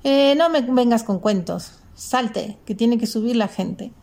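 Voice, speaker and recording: Un chofer de autobús grosero y agresivo, que ordena de malas maneras, con la voz de una mujer que narra. La voz suena algo áspera y apagada. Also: female voice, on the high side, unhurried, darkish tone. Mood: brusco. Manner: brusque, bossy. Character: rude, aggressive male bus driver.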